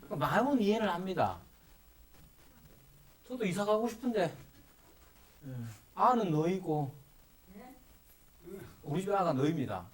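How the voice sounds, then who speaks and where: Male pastor, bible study lecture, very lively swinging intonation, rhetorical questions, church classroom. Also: on the high side, a little hiss or hum. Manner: acts out playful mock prayers and quotes.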